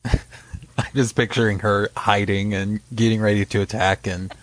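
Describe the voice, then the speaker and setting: A man's voice: fairly low pitch, level tone, measured pace, dry recording. A man co-hosting a podcast, chatting casually and joking about a TV show, with plenty of fillers. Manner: laid-back, jokey, trails off in fillers. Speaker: podcast co-host.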